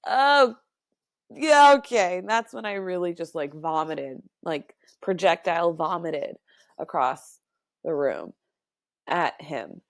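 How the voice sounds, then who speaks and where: A woman with a lowish, gravelly voice hosts a casual podcast monologue. She retells a story with sarcasm and animation, scattering fillers and little laughs. The sound is close and dry. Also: expressive, a little slow, no room sound. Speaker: podcast host.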